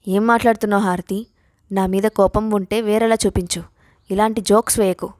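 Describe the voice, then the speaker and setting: A woman voicing a gentle, troubled young college girl in an audio story, answering in soft, worried replies. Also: mid-range voice, fairly even intonation, brisk, dry recording, studio quality, close to an everyday voice. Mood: distressed.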